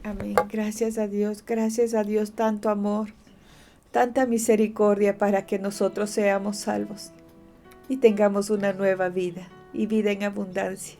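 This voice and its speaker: A woman with an Ecuadorian accent leading a guided prayer softly, line by line, as the pastor's wife. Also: medium pitch, flat delivery, unhurried, faint music behind. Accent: Ecuadorian Spanish.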